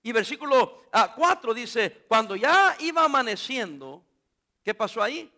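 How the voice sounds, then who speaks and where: High-voiced, bright preaching man. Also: unhurried. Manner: preaching with rhetorical questions to the congregation; animated, acts out quoted voices. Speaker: pastor. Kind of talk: sermon.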